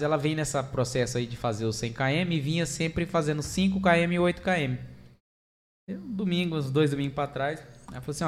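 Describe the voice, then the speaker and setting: A middle-aged man with a Brazilian accent, a podcast guest telling stories in an animated, chatty way full of fillers. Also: a little high, slight background noise. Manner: animated, chatty, many fillers, laughs at own story. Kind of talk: casual storytelling chat.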